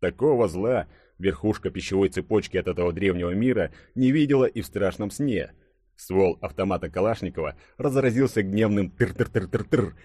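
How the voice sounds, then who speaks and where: Low-voiced male audiobook narrator. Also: lively intonation, fairly quick, warm tone, no room sound. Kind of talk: scripted narration.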